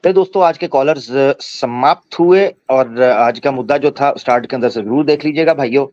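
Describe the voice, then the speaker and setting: A man's voice: mid-range voice, moderate pace, darkish tone, no room sound, dull audio. A man hosting a religious call-in stream, polite and brief, with a lot of short replies to his callers.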